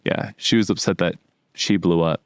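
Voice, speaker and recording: A man's voice: low-pitched, fairly even intonation, normal speed, smooth, dry recording, studio quality. A young man co-hosting a casual movie review podcast, slangy and blunt with hesitant fillers. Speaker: podcast co-host.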